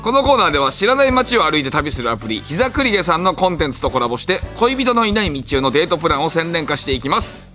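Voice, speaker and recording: A man co-hosting a comedy radio show, excitable and teasing, who breaks into shouts while joking with his partner in the studio. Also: on the high side, fast, few pauses, music in the background. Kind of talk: casual comedy banter.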